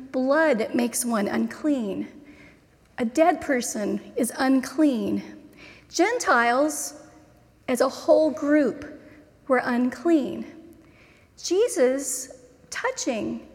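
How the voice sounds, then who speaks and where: Slow, high-voiced woman preaching in a hall. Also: a little mellow. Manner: slow, deliberate preaching with measured pauses. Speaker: pastor. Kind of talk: sermon. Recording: long reverb of a large hall.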